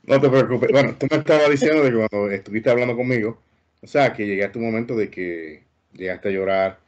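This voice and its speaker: A man's voice: mid-range voice, a little fast, a little mellow, highs cut off. A man hosting an interview, earnest and cautionary in tone. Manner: earnest, warning tone. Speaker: host.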